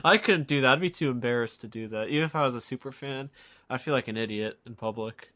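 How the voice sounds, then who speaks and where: A man's voice: mid-range voice, fast, pushed and bright. A young man hosts a loose podcast chat. He speaks bluntly, pokes fun at things and keeps the talk moving toward its wrap-up. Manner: wraps up segments, teasing and blunt. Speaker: podcast host. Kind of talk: casual chat.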